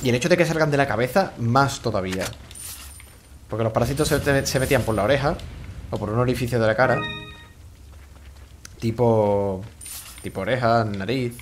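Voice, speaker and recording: A man's voice: medium pitch, moderate pace, long pauses, slight background noise. A man doing casual, joking gameplay commentary, swearing freely and talking to the characters on screen. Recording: game music playing behind.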